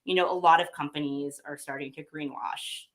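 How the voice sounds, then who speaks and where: Her voice sits low with a steady tone, slightly fast and a bit bright, as this woman from a pet food company talks informally about where the company gets its meat. She's chatty and a little sniffly, often restarting and using fillers in the conversational interview.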